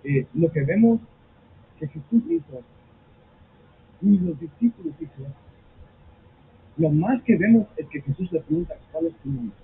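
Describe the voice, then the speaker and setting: A high-voiced man preaches to his congregation, slipping between Spanish and English as he goes. He tells his stories in an animated way and acts out the quotes. The sound is thin and phone-like, with a faint hiss behind it. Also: a little slow, pauses often. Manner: switches between Spanish and English mid-sentence; animated storytelling with acted quotes. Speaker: pastor. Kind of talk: sermon.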